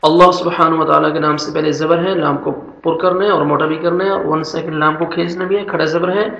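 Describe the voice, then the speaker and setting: High-voiced man teaching, echoey lo-fi room. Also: fairly even intonation, creaky, a bit bright. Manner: slow drawn-out chanting of examples, then brisk explanation. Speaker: recitation teacher. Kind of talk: step-by-step pronunciation lesson.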